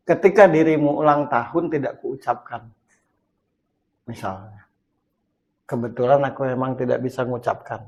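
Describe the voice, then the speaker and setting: A man hosting a casual talk about marriage, thinking aloud and acting out examples, his voice swinging from loud to hushed. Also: mid-range voice, measured pace, long pauses, dull audio. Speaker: host.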